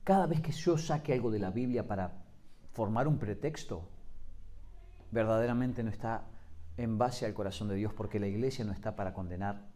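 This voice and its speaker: A man, preaching a sermon as pastor, swinging from loud emphatic lines to soft low asides. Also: normal speed.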